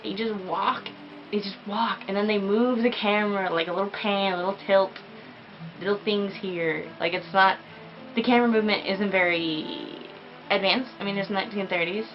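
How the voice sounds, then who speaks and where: A woman's voice: medium pitch, steady tone, normal speed, highs cut off, soft background music. A young woman chatting casually and enthusiastically as she reviews a movie, peppering her talk with fillers.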